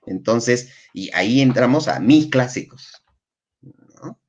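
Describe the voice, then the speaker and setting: A man's voice: medium pitch, takes it slowly. Guy telling stories, acts out the voices, kinda muffled lo-fi audio. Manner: animated storyteller, acts out quotes. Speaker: guest. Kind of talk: casual chat. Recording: dull lo-fi sound.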